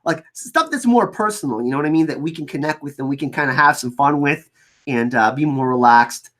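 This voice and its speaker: Speaking in a fairly bright, mid-range voice, a French Canadian-accented host runs a relaxed livestream. The talk is informal, with viewer comments read out and plenty of pauses and repeated words.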